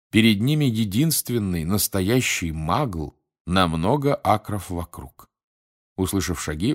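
A man narrating an audiobook in an even, measured way. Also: sits low. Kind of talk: audiobook reading.

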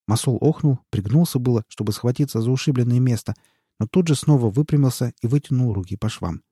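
A man giving a measured, scripted audiobook narration. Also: mid-range voice, dark tone, breathy edge, no room sound, studio quality. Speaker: audiobook reader.

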